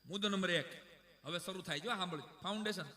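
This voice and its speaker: A man's voice: high-pitched, fairly quick, pushed and bright. A man, telling a comic village story on stage and talking to the audience. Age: 30s. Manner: chatty, talks to the audience. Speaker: stage comedian. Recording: echoey live stage.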